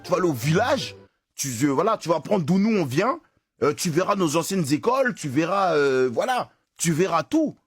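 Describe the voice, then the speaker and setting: A young man chatting casually to his viewers, telling animated stories in street slang. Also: fairly high pitch, slightly rough. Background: music playing.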